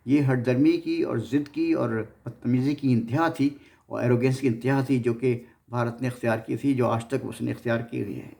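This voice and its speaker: Hosting an informal history series, a man with a Pakistani accent often stumbles and repeats his words. His voice is medium-pitched, creaky and mellow, with fairly even intonation at a normal speed.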